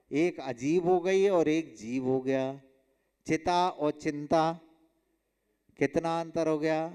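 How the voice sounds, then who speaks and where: A monk teaches his class at a very slow, deliberate pace, stressing each example and asking his students questions. His voice is smooth and resonant and sits a little high for a man. A long reverb from the hall trails after every phrase. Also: a little mellow. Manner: slow, emphatic, drills pronunciation with repeated examples and questions to students. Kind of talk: explanatory religious lesson.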